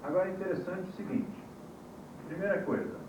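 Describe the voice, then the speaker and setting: A course instructor's high voice moves a little fast as he lectures, telling wry stories and quizzing the class. He is far from the mic on an old VHS recording that comes across muffled and echoey, over a noisy background.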